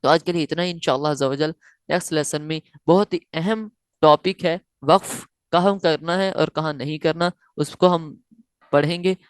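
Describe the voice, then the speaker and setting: A woman teaching Quran recitation in a slow, step-by-step lesson. She explains each rule, then chants the example slowly and repeats it. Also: deep voice, clear, resonant tone, dry recording, studio quality. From South Asia.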